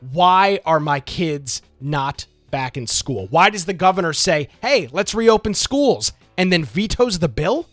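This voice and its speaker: A man's voice: fairly high pitch, unhurried, few pauses, a bit bright, faint music behind. A man hosting a political talk show, delivering opinionated commentary with many rhetorical questions.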